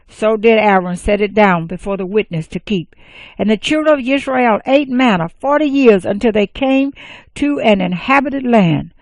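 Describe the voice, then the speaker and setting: A woman reading scripture aloud, measured and even, with careful pauses. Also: mid-range voice, no echo. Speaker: scripture reader.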